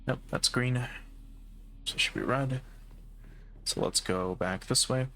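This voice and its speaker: A man's voice: mid-range voice, unhurried, vocal fry, bright, forceful tone, faint music behind. A man casually commentating his horror game playthrough as a streamer, talking through puzzle steps with loose fillers and the odd swear. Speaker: gaming streamer. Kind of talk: casual let's-play commentary.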